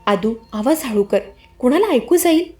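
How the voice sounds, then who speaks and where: A patient young wife who speaks softly and keeps her voice down, as a woman narrator puts her on. The voice sits high, with a lively pitch. A storybook reading over faint music. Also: unhurried. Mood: hushed. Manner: soft, hushed. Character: patient young married woman, elder sister, gentle.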